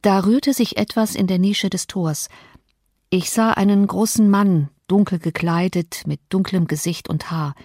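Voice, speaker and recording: A woman narrating a classic novel as an audiobook in a measured, deliberate manner. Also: mid-range voice, fairly even intonation, darkish tone, dry recording, studio quality. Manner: measured, slow on key phrases.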